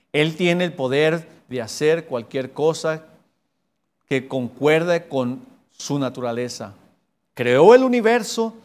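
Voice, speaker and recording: A man teaching Sunday school in an earnest preaching style, asking his listeners rhetorical questions, with emphatic rises and low, quiet drops. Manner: earnest preaching, rising to emphatic peaks then dropping low.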